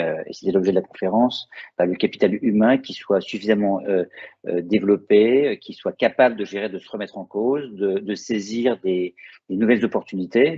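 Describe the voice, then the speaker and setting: A husky-voiced man moderates a conference panel, stumbling through his questions with frequent fillers and restarts. The recording sounds dull and lo-fi. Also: on the low side, a little mellow. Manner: hesitant, many fillers and restarts.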